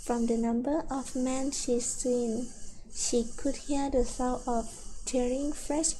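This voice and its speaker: A woman streaming a game, reading translated text aloud in a halting way. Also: sits high, fairly even intonation, warm tone, slight background noise, poor audio. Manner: slow, halting delivery.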